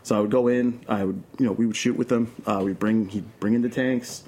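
A man from Queens with a Brooklyn New York accent, chatting casually as an interview guest and telling anecdotes in a halting way, repeating phrases. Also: on the low side, fairly even intonation, darkish tone. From Queens, New York City. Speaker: interview guest, documentary filmmaker. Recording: clear background noise, room ambience.

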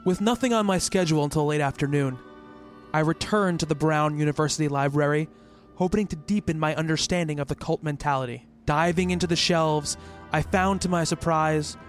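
In an eerie radio play, a man voices a worried but rational researcher, acting as both thoughtful narrator and character over music. His voice sits a little high and sounds natural, at a normal speed. The radio play dialogue and first-person narration come across pensive and measured.

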